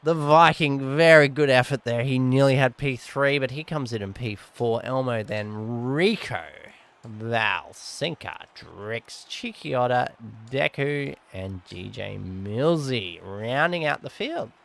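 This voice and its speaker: A man's voice: medium pitch, slow, gravelly, a bit bright. A man giving casual, rambling live commentary on a sim race, often correcting himself.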